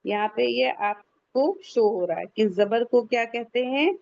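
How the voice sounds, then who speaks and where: A woman's voice: a little high, unhurried, vocal fry, darkish tone, dry recording, muffled recording. A woman teaching an online tajweed lesson, who asks questions and answers them herself. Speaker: Quran recitation teacher.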